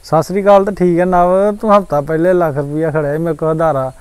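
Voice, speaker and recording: A man's voice: a little high, fairly even intonation, fast, darkish tone, clear, resonant tone, dry recording, close to an everyday voice. An actor playing a friend who insists on getting his money back. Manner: complaining, insistent.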